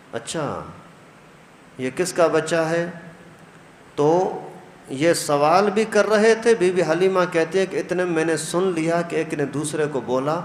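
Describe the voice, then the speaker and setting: A male religious teacher giving a storytelling lesson in a mosque, acting out the dialogue. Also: fairly high pitch. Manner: animated storytelling, acts out dialogue. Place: mosque hall. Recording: echoey hall, faint noise.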